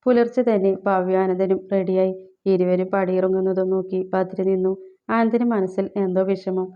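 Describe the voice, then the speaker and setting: A woman reading a scripted story aloud as narrator, in a steady, unhurried manner. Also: mid-range voice, dull audio.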